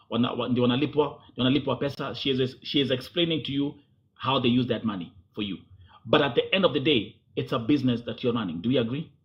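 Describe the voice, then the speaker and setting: A man's voice: mid-range voice, lo-fi sound. A man with a Kenyan accent interviewing a guest before a crowd, pressing hard and repeating himself when he wants the floor. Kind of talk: interview before a live audience.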